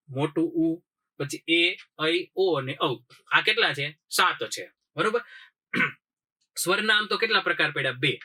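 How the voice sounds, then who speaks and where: Bright-voiced man teaching a lesson. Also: a little high. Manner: drills with repeated questions and answers; keeps checking understanding. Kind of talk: exam-prep grammar lesson.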